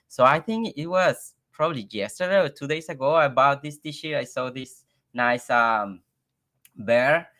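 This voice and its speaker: Man, halting casual guest. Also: mid-range voice, animated, pushed and bright. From Mexico. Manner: halting, repeats words, laughs easily. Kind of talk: casual interview chat.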